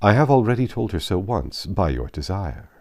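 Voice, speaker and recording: Man reading as a proud, low-voiced, reserved gentleman. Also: big pitch swings. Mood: cool, curt. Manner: formal, measured, cutting. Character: Mr. Darcy, proud, reserved, precise young gentleman.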